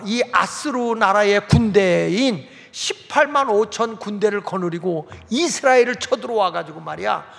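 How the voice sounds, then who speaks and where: In a church sanctuary, a male pastor delivers a folksy sermon, putting questions to the congregation as he goes. His voice sits high with vocal fry and a slightly bright quality, and the large hall adds a long reverb.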